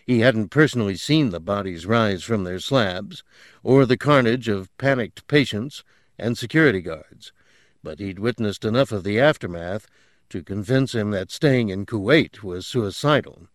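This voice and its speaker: A man's voice: lowish voice, lively intonation, moderate pace, no echo, clean studio sound, natural voice. A man voicing a confident, self-mocking professor. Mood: rueful. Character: self-assured male Palestinian professor recalling his youth. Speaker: interviewee. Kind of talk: audiobook character reading.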